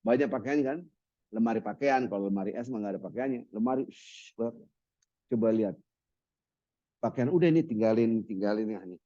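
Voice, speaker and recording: A man giving a lively Ramadan sermon, acting out everyday scenes and chanting Arabic phrases. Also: on the low side, brisk, long pauses, no echo, dull audio. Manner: lively, acts out market haggling in quoted voices. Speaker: preacher.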